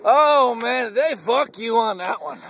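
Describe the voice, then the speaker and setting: A man's voice: very high voice, slow, creaky, a bit bright, slight background noise. A man joking with friends on a boat outdoors, trading mock threats and profanity. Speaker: prankster friend. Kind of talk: casual banter.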